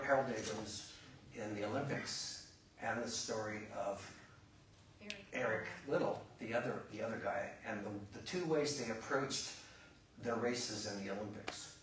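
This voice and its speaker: A man's voice: mid-range voice, fairly bright tone, a little hiss or hum. A man preaching a conversational sermon in a chapel. He talks animatedly and acts out the voices of the people in his examples. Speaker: pastor. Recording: echoey room, mic from a distance.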